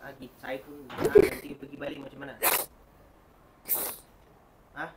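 A man confronting his former wife at a healing session, reproachful and insistent. His pitch swings widely as he repeatedly demands answers. Loud noise runs under the recording. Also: big pitch swings, normal speed, gravelly. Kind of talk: confronting, emotional talk.

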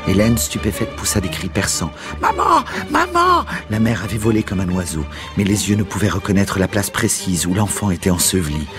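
A man reading a classic novel aloud on the radio, telling the story in a measured, dramatic way. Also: sits low, over music.

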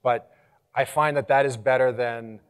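A man gives a live conference talk in a middle-pitched voice. He is energetic and engaging, and he gets loud and animated as he leads the audience through exercises. He speaks as a presenter working a room. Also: normal speed, clear, resonant tone. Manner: animated, gets louder when rallying the room.

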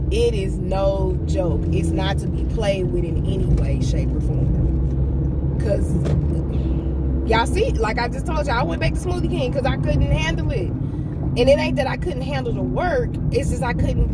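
A woman, casual and assertive, talking straight to her viewers from a parked car. The phone sits a little away from her, so her voice sounds distant. Loud car and street noise runs underneath. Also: fairly high pitch. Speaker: motivational vlogger. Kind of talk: candid car vlog. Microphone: phone camera on the dashboard. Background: car and outdoor traffic noise.

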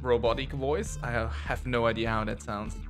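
A man's voice: mid-range voice, steady tone, normal speed, faint music behind. A man giving casual commentary on a first playthrough, rambling and self-deprecating as he reads on-screen text aloud. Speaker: let's play gamer.

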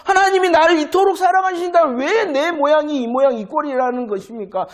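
A man's voice: very high voice, fairly quick, pitched above the performer's own voice. A male preacher voicing ancient Israelites who protest and question God, in pleading, indignant tones. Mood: aggrieved pleading.

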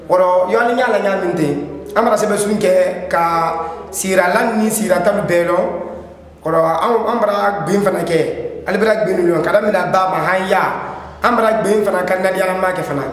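A man teaching a literacy lesson, explaining terms step by step and rephrasing them as he switches between French and Maninka. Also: high voice. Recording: very echoey hall with faint noise.

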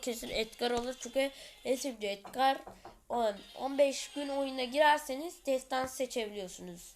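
A woman hosting a gaming channel, giving excited gameplay commentary full of exclamations and chatty asides to viewers. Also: sits high.

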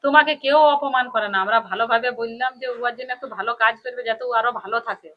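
A woman's voice: on the high side, fast, muffled recording, natural voice. A woman with a Manbhum Bengali accent playing a stingy village mother who favours her elder son-in-law and brushes off blame. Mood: placating. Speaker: mother of two daughters. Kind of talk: amateur village comedy drama.

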